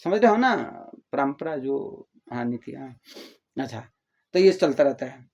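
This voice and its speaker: An older man explaining in a casual, rambling way, repeating himself and acting out the listeners' replies in a softer voice. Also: medium pitch, animated, a little slow. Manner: addresses listeners as "babu". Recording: dull lo-fi audio.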